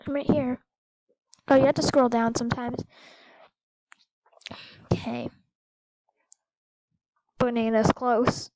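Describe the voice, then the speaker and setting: Female game host, high pitch, excitable, coaching a friend; dry close recording. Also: slow, pauses often, no room sound, poor audio. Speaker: gameplay video host. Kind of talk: casual gameplay chat.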